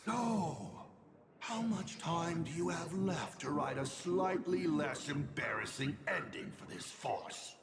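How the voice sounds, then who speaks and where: A man's voice: a little high, animated, slow, a loud crowd. An actor playing a gleeful old male schemer in a game, mocking and relishing others' failures. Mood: gloating. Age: older.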